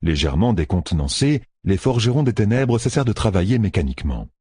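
Low, husky male audiobook narrator. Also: big pitch swings, fast talker, dark tone, dry recording, clean studio sound.

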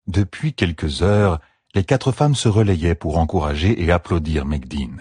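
Low husky guy reading a fantasy book, lively intonation, dry close sound. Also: no echo. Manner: measured, expressive reading. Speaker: audiobook narrator. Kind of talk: scripted fantasy narration.

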